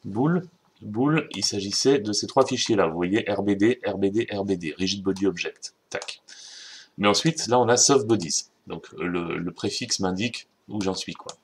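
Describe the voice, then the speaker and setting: A man with a French accent giving a casual, chatty software tutorial, talking straight to viewers and correcting himself as he goes. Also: lowish voice, normal speed, a little hiss or hum. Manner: informal, chatty, self-correcting, addresses viewers directly. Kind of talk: screen-recorded software tutorial.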